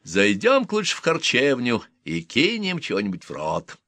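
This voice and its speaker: A man's voice: medium pitch, huge pitch swings, moderate pace, sharp tone, no echo, pitched above the performer's own voice. A man reading an audiobook, voicing a brash, joking young man who teases his friend. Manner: joking, pushy. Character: brash, mocking young man, a carefree rogue.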